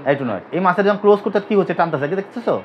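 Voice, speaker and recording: A crowd can be heard behind a Bangladeshi physiotherapy teacher as he runs an anatomy class in a high, expressive voice at very fast speed. He drills his students with repeated questions and asks them to say terms back. The recording is dull and lo-fi.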